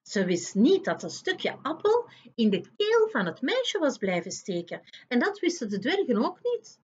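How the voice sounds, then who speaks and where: A woman telling a fairy tale to children at an unhurried pace. Her pitch sits a little high and swings widely, and her voice has a husky softness. The recording is dull and lo-fi. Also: slight background noise. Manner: slow, lively, expressive. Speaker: storyteller.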